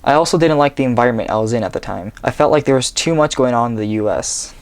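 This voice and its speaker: The audio is clean studio sound with no echo as a young adult vlogger from Seattle, USA reads quickly in a mid-range voice. His personal story comes from a script on a tablet, delivered earnestly and steadily in a small bedroom.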